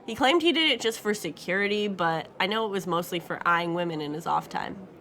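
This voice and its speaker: A woman's voice: on the low side, expressive, brisk, sharp tone. Wry woman narrating a crime story. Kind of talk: first-person story narration.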